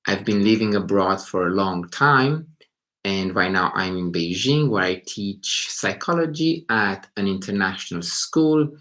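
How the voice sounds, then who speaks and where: Indoors in Beijing at night, a man from Romania hosts a relaxed live stream as a psychology teacher and channel host. His voice sits low, sounding expressive and a bit bright. He takes his time, thinking out loud and rewording his points along the way.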